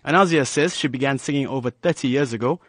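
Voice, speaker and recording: A male reporter narrates a news feature in a measured, scripted delivery. His pitch is mid-range, and the sound is close and dry, with no room echo at all.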